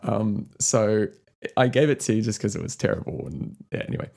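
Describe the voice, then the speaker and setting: Male podcast co-host, low gravelly voice, loose enthusiastic music chat. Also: lively intonation, fairly quick, mellow. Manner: rambling, filler-heavy, enthusiastic about music.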